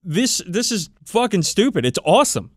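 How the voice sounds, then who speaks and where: This podcast co-host has a high voice and is very animated, talking at a moderate pace. He chats casually about his hobby of tabletop wargaming, opinionated and emphatic, with plenty of swearing. The dry recording is of studio quality.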